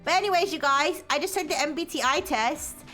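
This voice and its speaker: A woman with a high-pitched, bright voice hosts a casual livestream. She talks in a cute, bubbly anime-streamer way, giggly and sing-song, speaking straight to her viewers. Faint music sits behind her. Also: a little fast. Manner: giggly, playful. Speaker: livestreamer hosting personality tests.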